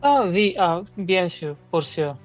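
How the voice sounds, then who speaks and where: Slow, halting woman exam candidate. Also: fairly low pitch, expressive, soft background music, poor audio. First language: not French. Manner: halting, many fillers and restarts. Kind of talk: speaking exam role-play.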